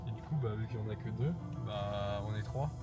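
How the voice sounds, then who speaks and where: A man's voice: fairly low pitch, a little fast, loud music behind the voice. A young man chatting casually and jokingly in slang. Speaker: vlog participant. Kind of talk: casual chat.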